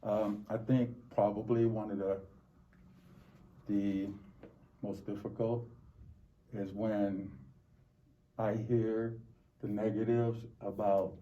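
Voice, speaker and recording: A dull, slightly muffled recording of a middle-aged American man answering interview questions. His voice is very soft-edged and mellow. He speaks reflectively and haltingly, often repeating words as he searches for the next one. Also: lowish voice, little pitch movement. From Los Angeles, United States. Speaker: interview guest.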